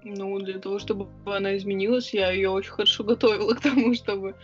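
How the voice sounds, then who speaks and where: A young woman, a writer who organizes a club, is a guest in a casual interview, talking quickly and chattily with lots of hesitation sounds. Her medium-pitched voice stays fairly flat, the recording is muffled, and soft music plays in the background.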